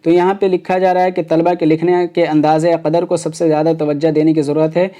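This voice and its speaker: Mellow-voiced man teaching an exam lesson. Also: a little high, flat delivery. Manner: explains step by step with many fillers. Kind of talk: exam prep lecture.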